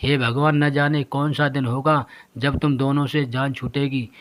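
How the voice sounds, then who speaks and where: A man's voice: mid-range voice, little pitch movement, normal speed, fairly bright tone, lightly acted. A man voicing a harsh, scornful middle-aged stepmother in a storybook tale, scolding and sneering. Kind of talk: storybook voice acting.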